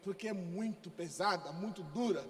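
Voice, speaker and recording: A man pastor from Africa preaching a sermon in a lively, exclamatory, joking way. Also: high voice, moderate pace, long reverb tail. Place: church.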